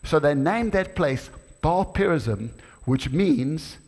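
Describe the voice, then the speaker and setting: A middle-aged man preaching a sermon in a church, animated, rising to exclamations and acting out dialogue. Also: a little high, slow. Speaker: guest preacher. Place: church hall. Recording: church hall with long reverb.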